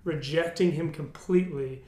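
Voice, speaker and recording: A man's voice: on the high side, normal speed, darkish tone, roomy sound. A man in his thirties co-hosting a casual faith discussion, candid and self-deprecating, with many restarts. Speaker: podcast co-host.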